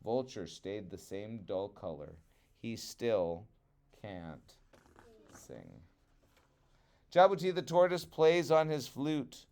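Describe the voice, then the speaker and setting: A man narrates a trickster tale for children in a storybook style. His voice is smooth and clear, and he takes his time, swelling phrases dramatically before letting them fall softly. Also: mid-range voice, animated, takes it slowly.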